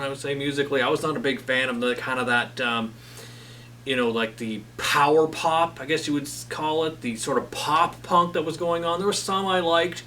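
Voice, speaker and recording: A man's voice: sits high, bright, forceful tone, distant mic, a little hiss or hum. A man hosting a casual talk about old albums, enthusiastic and rambling with lots of fillers. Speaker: host.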